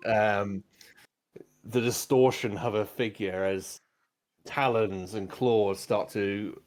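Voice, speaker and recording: Low-pitched man running a tabletop game. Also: fairly even intonation, slow pace, a little mellow. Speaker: game master.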